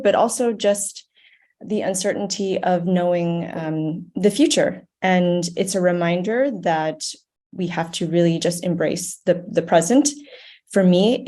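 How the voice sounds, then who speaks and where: As a guest on a podcast, this nonprofit board member, raised in Ohio in the United States, reflects earnestly and thoughtfully in conversation. She speaks with a warm, lowish voice.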